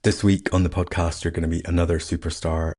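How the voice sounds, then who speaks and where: A man's voice: deep voice, level tone, fast talker, a little mellow, husky. A middle-aged man with a faded Scottish accent, hosting a solo podcast in a candid, self-mocking, chatty way. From Scotland. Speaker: podcast host. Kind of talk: casual solo podcast chat.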